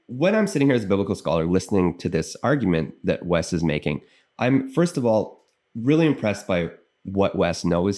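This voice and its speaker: Speaking earnestly to camera in a low, darkish voice, a Canadian biblical scholar in his thirties thinks aloud as he explains. It's casual explanatory commentary.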